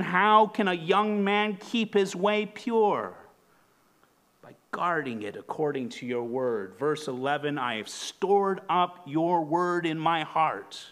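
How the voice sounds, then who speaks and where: A man in his thirties preaching a sermon from a church pulpit, earnest and measured, asking the congregation rhetorical questions. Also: a little high, a bit bright. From Canada. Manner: gestures broadly while leaning on the pulpit. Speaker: pastor. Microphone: pulpit microphone.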